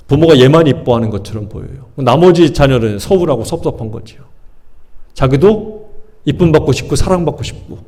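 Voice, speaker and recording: A man's voice: on the high side, a little mellow. A middle-aged male pastor preaching a sermon in a conversational way, often asking the congregation questions.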